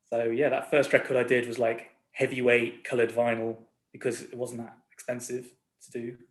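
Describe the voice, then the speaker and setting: A man in his forties, a record label owner, chatting casually as a guest in a laid-back, rambling, self-deprecating way. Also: medium pitch. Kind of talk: casual chat. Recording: roomy echo.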